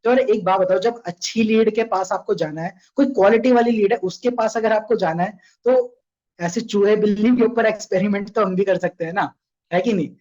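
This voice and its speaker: A man's voice: sits high, a little fast, darkish tone, dull audio. A young man runs a casual online sales training session, chatty and coaxing, often asking his listeners questions.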